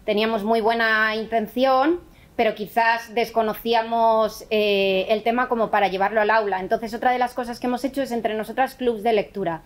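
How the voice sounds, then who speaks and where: A woman with a fairly high voice speaks earnestly in a conversational talk. She thinks aloud as she goes, restarting her phrases. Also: fairly even intonation, moderate pace. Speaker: teacher activist. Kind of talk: conversational explanation.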